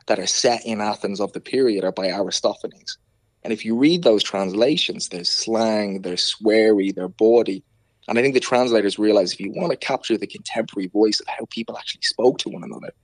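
A man's voice: fairly low pitch, no echo. A man with a Dublin Irish accent, explaining things conversationally as an author in an interview and often rewording himself. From Ireland.

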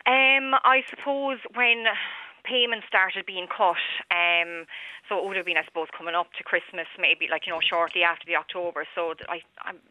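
Irish woman on a clear phone line. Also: on the low side, moderate pace, no echo. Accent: southeastern Irish. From Ireland, from Wexford. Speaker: phone-in guest. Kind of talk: conversational personal account. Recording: narrow-band telephone line.

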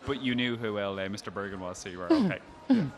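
A man's voice: lowish voice, big pitch swings, fast. A man with an Irish accent hosting a light, casual radio interview in a jokey, teasing way. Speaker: radio host.

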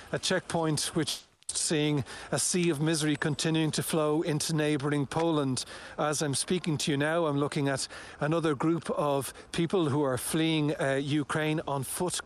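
A male news reporter giving a live field report from outdoors at a border checkpoint, descriptive and sombre. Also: a little high.

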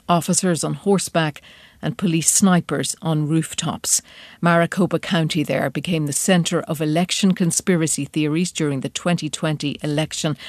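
A woman's voice: deep voice, darkish tone, dry recording. A woman working as a news presenter, reading scripted reports and putting questions to guests. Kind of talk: scripted news narration and interview. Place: radio studio.

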